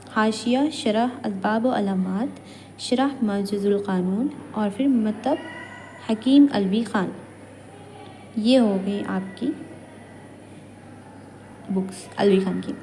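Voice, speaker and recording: Kashmiri-accented woman teacher, higher mellow voice, patient classroom lecture with long reverb and a faint hiss. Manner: patient, chatty teacher mixing Hindi and English. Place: college lecture room. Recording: hall reverb, faint background noise.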